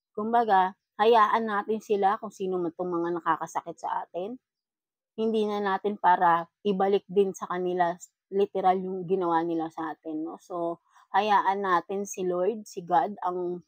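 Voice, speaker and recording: A woman's voice: mid-range voice, dry recording, low-quality recording. A woman with a Filipino accent giving a casual spiritual reading, chatty, with frequent tag questions. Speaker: tarot reader.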